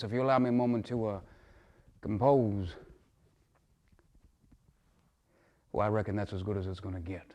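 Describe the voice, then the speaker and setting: A man performing a theatrical monologue takes on the role of a troubled, folksy father pleading in earnest. His mid-range delivery stays near an everyday voice, at times halting and at times impassioned. He sounds nervous and deferential.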